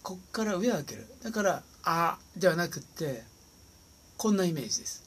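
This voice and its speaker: A man's voice: high-pitched, sing-song, fairly quick, a bit bright, breathy edge. A man giving a casual singing lesson. He chats and demonstrates sustained sung vowels and humming, recorded on a smartphone. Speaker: vocal coach.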